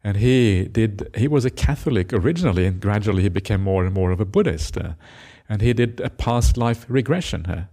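A middle-aged monk from Norway gives a Dhamma talk in a low voice with a gravelly edge. His delivery is reflective and unhurried. He keeps checking in with listeners through a soft "eh?". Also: expressive. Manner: reflective, tags lines with a questioning "eh?"; gentle laughter, hesitant fillers. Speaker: Buddhist monk teacher.

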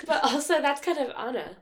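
A woman co-hosting a podcast in casual chat, with a hoarse, raspy smoker's voice from a sore throat. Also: high voice. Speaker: podcast co-host.

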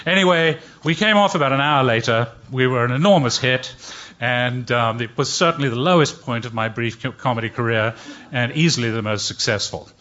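A man's voice: medium pitch, brisk, bright, forceful tone, lo-fi sound. An older man telling a comic story live, with a dry, wry delivery and playful put-on voices. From Britain.

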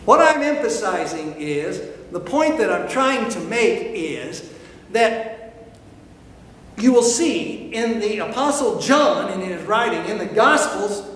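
A man preaching a sermon, emphatic and animated, firing rhetorical questions, recorded in an echoey church hall. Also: very high voice. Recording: echoey hall with long reverb.

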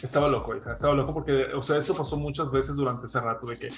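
A man, telling a gossipy story in animated casual chat with a co-host. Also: medium pitch, fast talker, faint music behind. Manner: animated gossipy storyteller, calls listener "hija".

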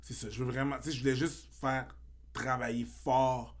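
A man with a Québécois French accent, a comedian guest in a casual podcast chat, animated and mixing English slang into his talk, getting louder when worked up. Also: medium pitch, moderate pace.

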